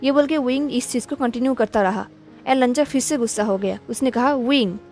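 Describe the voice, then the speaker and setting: Higher-voiced woman narrating a story. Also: a little fast, darkish tone, soft background music. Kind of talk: reading a fan fiction aloud.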